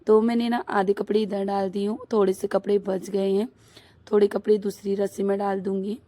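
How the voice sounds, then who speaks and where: A young woman vlogger, a housewife and mother, chatting casually on her rooftop with a hoarse, husky voice from a cold, rambling with many fillers. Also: mid-range voice, level tone, brisk, warm tone, no room sound. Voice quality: thick, husky voice. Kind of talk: casual vlog chat. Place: rooftop outdoors.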